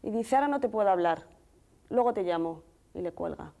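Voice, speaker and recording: A woman in her thirties with a Madrid Spanish accent, a TV interview guest calmly recounting events in detail with quoted dialogue. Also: medium pitch, a little fast, gravelly. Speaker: guest, sister of the deceased. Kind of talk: emotional first-person account in a TV interview.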